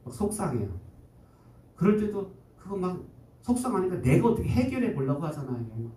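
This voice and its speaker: Man, pastor, sermon, mellow tone, loud bursts and soft asides, distant mic, echoey church room. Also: big pitch swings, normal speed. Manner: swings from loud exclamations to low soft quoting. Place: church sanctuary.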